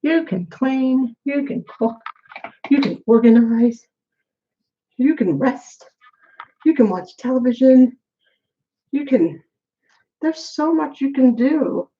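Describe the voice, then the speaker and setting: Braiding her hair in front of the camera, a middle-aged woman vlogs in a candid, rambling way, talking to herself and short of breath. Her high voice is lively but slow, with long pauses, and the audio is dull.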